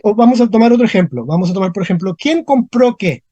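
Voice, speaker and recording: A teacher runs an online grammar lesson over a video call, repeating each example question and tagging checks onto every point. The voice is mellow and slightly husky, with a lively, swooping pitch. The sound is dry and dull, like lo-fi call audio. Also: dry recording. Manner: slow, repeats questions, frequent checking tags.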